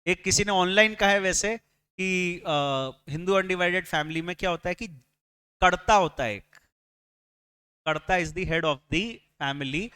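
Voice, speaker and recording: High, bright Indian male lecturer. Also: measured pace, clean tone. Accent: Indian English. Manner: explains step by step, asking the class questions; mixes English phrases into his speech. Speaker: tax lecturer. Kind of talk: classroom lecture.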